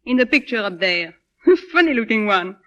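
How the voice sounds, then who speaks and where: A woman's voice: a little high, sing-song, moderate pace, a bit bright, dull audio. An actress playing a feisty, fussy young woman, teasing and blunt in an old film comedy style. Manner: theatrical, blunt, teasing, complaining.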